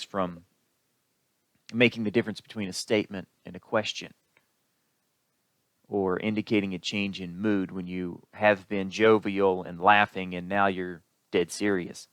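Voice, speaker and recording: A man giving a recorded lecture as an instructor, explaining in an unhurried way with the odd filler. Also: low voice, no room sound.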